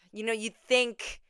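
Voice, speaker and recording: A young woman hosts her own podcast in a bubbly, chatty way, stacking repeated words for emphasis. Her voice is bright and very clean, with sharp treble. The sound is dry and close. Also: a little high, clean tone, dry recording. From Minnesota, USA. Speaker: podcast host. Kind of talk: casual solo podcast chat.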